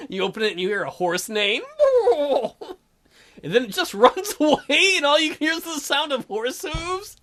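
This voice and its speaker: At a moderate pace and in a very high-pitched voice, a man hosts a let's play where he reads a dating sim's dialogue aloud. Crude jokes punctuate the lines, and he's animated and playful, shifting voices for each character.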